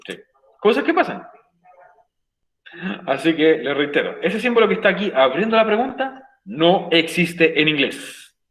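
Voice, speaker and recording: A man's voice: fairly high pitch, sing-song, measured pace, pauses often, a bit bright, reverberant, low-quality recording. A man with a Chilean Spanish accent teaching an English lesson in a virtual class. He is emphatic, repeats his points and keeps asking "ok?". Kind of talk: online class explanation.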